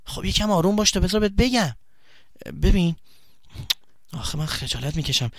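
A man's voice: high voice, expressive, dry recording, clean studio sound, voice pushed up. A man voicing a shy, earnest boy who explains himself in a bashful way.

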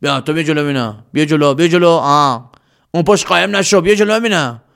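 Storybook bandit chief, bossy and greedy, loud and barking, voiced by a man. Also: on the high side, gravelly, clear, resonant tone, pitched above the performer's own voice. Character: gruff bandit leader, middle-aged man, bossy and greedy.

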